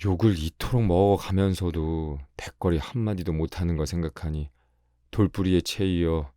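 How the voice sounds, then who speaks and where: A man with a very low, mellow voice reads a short story aloud for sleep, calm and measured. The recording is dry and close to the mic. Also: no echo. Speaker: audiobook reader. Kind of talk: audiobook reading for sleep.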